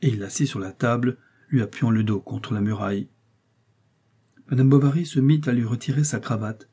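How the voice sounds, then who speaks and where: A man reading a classic novel aloud as audiobook narration, steady and measured. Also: medium pitch, slightly rough. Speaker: audiobook reader.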